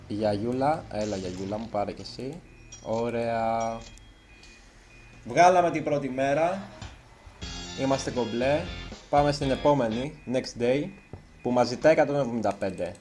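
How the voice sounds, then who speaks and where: A nervous man chats his way through a video game in let's play commentary, his voice sitting at an ordinary middle pitch. He is self-conscious and trips over his words now and then. Faint background noise hums under the recording. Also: a little mellow. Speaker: gaming YouTuber.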